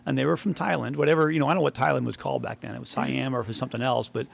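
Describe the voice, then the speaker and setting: A man's voice: medium pitch, fairly even intonation, very fast, vocal fry. A man co-hosting a podcast in casual chat, rambling, laughing often and trailing off mid-sentence. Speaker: podcast co-host.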